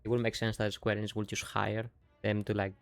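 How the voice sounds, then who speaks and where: A man with a Yorkshire accent talks through a game on his live stream, rambling loosely and often cutting off his own sentences. His voice sits on the low side and sounds close and dry. Faint game music plays underneath. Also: completely flat delivery, fairly quick, vocal fry, no room sound. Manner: chatty, rambling, breaks off mid-sentence. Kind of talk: casual live-stream commentary.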